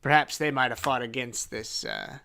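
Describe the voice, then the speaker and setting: A man narrating as game master of a tabletop game, halting and full of fillers. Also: mid-range voice, wildly swooping pitch, creaky, pushed and bright. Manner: halting, many fillers and restarts.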